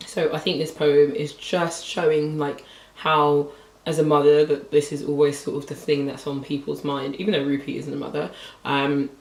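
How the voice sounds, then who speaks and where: A young woman book vlogger chats casually about books, rambling and filling her sentences with "like." Her voice is low-pitched, slightly hoarse and darkish. She sits a little back from the mic, so the voice sounds distant and a bit off-mic in a roomy, noticeably echoing space.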